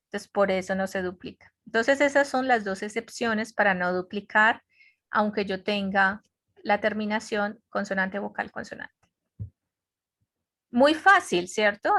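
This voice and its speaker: A woman English teacher giving an online class, explaining slowly and patiently and often checking that students follow. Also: medium pitch, fairly bright tone, dry recording. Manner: patient, repetitive explaining with frequent check-ins. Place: home office on a web conference.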